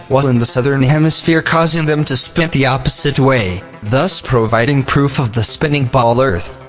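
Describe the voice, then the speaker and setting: A synthetic male text-to-speech voice like an old speech synthesizer, reading a scripted narration in a flat, mechanical manner. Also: medium pitch. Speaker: video narrator. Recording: long reverb, music behind. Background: music.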